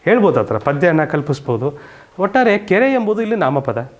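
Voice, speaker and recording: A male teacher leads a classroom grammar lesson. His voice sits a bit high for a man, and he keeps quizzing the children and repeating each point patiently. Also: very animated, brisk.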